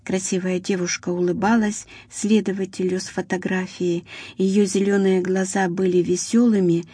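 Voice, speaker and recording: Husky-voiced woman narrating an audiobook. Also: medium pitch, flat delivery, normal speed, dark tone, no room sound. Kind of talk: scripted narration.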